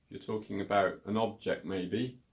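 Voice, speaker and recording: A man teaching a beginner English lesson, speaking slowly and deliberately and repeating words for learners to follow. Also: fairly low pitch, steady tone, creaky, highs cut off. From United Kingdom.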